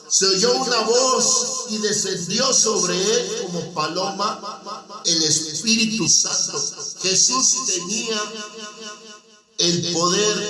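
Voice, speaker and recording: A man preaching a slow, emphatic radio sermon who repeats his key phrases. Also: high voice, far from the mic. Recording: roomy radio broadcast from off mic with music.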